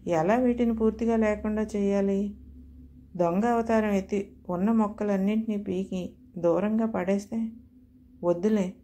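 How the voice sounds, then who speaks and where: A woman's voice: mid-range voice, warm tone, a little hiss or hum. A woman reading a comic story aloud in the first person, in a wry, chatty, self-mocking way.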